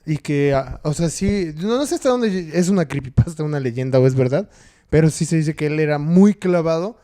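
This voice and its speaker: A man with a Mexican accent chats on a podcast and works out his thoughts as he talks. He speaks in slangy terms, swears now and then, and his voice has a dark, mellow tone. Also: fairly high pitch, expressive, moderate pace. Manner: thinks aloud, slangy, with swearing. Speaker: podcast co-host. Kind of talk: casual chat.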